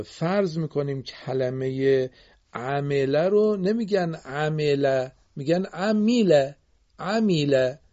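A man with a slightly raised, mellow voice gives a patient classroom lesson on reading Quranic Arabic. He explains vowel sounds and praises his pupils often. The recording is dull and lo-fi. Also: a little high. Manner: praises pupils often, corrects pronunciation gently.

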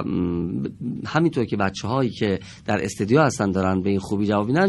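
A man teaching a televised reading lesson to children in a studio, patiently and slowly sounding out each word for his pupils. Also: on the low side, a little hiss or hum.

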